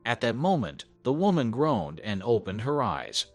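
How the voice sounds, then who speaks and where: A man's voice: mid-range voice, sing-song, normal speed. A man narrating a first-person story in an earnest, scripted way. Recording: soft background music.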